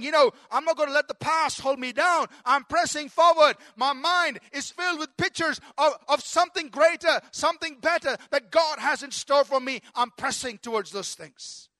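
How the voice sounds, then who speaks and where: High-voiced man preaching a sermon. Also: sharp tone. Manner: emphatic preaching, calls for amen. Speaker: pastor.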